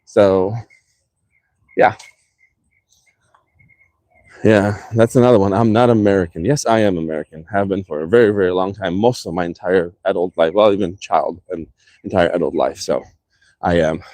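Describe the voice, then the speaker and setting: A man's voice: sits low, normal speed, long pauses, a little mellow, dry recording. Heated, sweary man ranting with a slight accent. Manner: heated, profane, sarcastic. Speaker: vlogger. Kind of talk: casual ranting monologue. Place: in a car.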